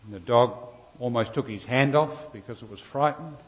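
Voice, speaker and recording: A man's voice: medium pitch, moderate pace. A man with an Australian accent, a pastor giving a sermon in a conversational, storytelling manner and asking the congregation questions. His voice rings with a cathedral-like echo. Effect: cathedral-like echo, long church reverb. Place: large church. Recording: dull recording with long hall reverb.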